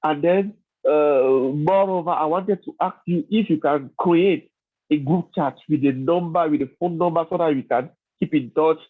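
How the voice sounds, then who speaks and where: Effusive man on a tinny call line. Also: fairly high pitch. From Cameroon. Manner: effusive, halting, repeats himself. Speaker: attendee doctor. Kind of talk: grateful remarks in a webinar. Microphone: phone or video call.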